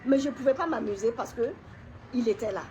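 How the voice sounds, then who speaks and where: High-voiced woman giving halting testimony. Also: dark tone, soft background music. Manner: halting, repeats words, pauses and clears throat. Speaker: woman sharing a personal story. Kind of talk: emotional personal testimony to camera.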